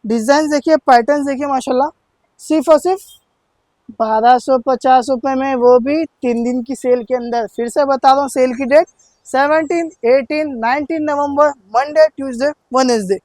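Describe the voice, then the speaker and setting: Male shop presenter, notably high-pitched, dry sound; eager, insistent, repetitive teleshopping sales pitch. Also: fairly even intonation, normal speed, darkish tone, no room sound. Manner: insistent, repetitive, hard-selling. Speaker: shop seller presenting sale offers.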